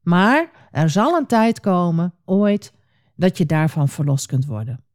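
A woman's voice: on the low side, lively intonation, a little slow, a little mellow. A woman voicing an old father who trembles with shock and regret in a storybook reading. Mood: grave. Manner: trembling, startled.

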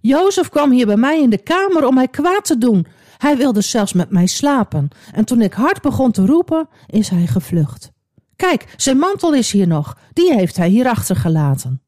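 A woman voicing a scheming married woman in a children's storybook, coaxing and insistent, in a higher voice than her own narration. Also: very animated, normal speed, a little mellow, no room sound, studio quality. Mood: accusing.

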